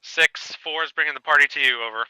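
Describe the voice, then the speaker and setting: A man's voice: fairly high pitch, fast talker, sharp tone, smooth, dry recording, low-quality recording. A man giving terse, clipped military radio reports over a game walkie-talkie, using radio procedure. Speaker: squad member in a military sim game.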